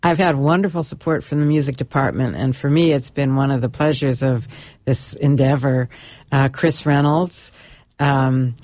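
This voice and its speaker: A woman's voice: a bass voice, fairly even intonation, moderate pace, a little mellow, no room sound, dull audio. A woman university instructor answering radio interview questions hesitantly, with many ums.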